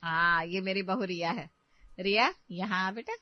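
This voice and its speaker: A woman's voice: medium pitch, a little slow, no room sound, lightly acted. A woman voicing a traditional middle-aged mother-in-law who lectures firmly. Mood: lecturing. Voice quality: firm, lecturing. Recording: dry, slightly dull recording.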